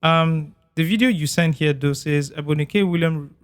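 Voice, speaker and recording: A man's voice: fairly high pitch, moderate pace, clean tone. A Nigerian man co-hosting a casual podcast, steering the talk and slipping into pidgin. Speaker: podcast co-host. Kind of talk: casual chat.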